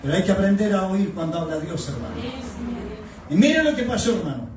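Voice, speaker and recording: A man, a pastor delivering a fervent evangelical sermon in a church, shouting key lines and asking the congregation questions. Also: sits high, sing-song, quick pace, noisy background. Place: church sanctuary. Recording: echoey hall, speaker far from mic.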